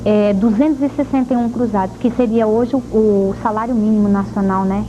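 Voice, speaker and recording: A woman's voice: mid-range voice, steady tone, fairly quick. A woman answering a TV news interview as an association president, firm and assertive, heard from an old VHS tape. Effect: old VHS tape recording. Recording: dull lo-fi old VHS tape with faint hiss.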